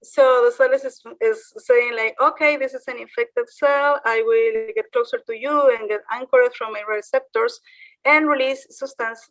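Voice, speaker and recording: Woman interpreting live, halting and high. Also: a bit bright, lo-fi sound. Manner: halting, restarts phrases while translating. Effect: live interpreter voice, translating a playing video on the fly. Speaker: workshop presenter.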